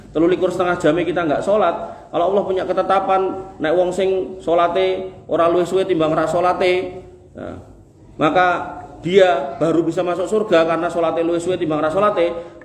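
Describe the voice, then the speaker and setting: Folksy Javanese-accented preacher in an echoey room. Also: male voice, sits high. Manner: folksy, joking, rhythmic repetition. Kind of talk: sermon to a congregation. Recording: echoey room with faint noise.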